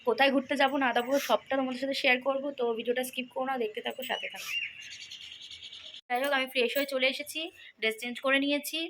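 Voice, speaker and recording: A woman talks to her viewers at a brisk clip on a travel vlog, her voice sitting a little high. She chats straight into her phone camera, turning each stop of the trip into a quick update. A faint background hiss runs under the phone recording. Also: fairly even intonation, a bit bright. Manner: chatty, addresses viewers directly. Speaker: vlogger. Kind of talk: casual travel vlog narration. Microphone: phone camera, selfie and back camera.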